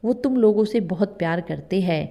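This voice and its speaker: A woman voicing a gentle, soft-hearted elderly mother-in-law in a spoken storybook tale. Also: medium pitch, expressive, normal speed. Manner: soothing, pleading.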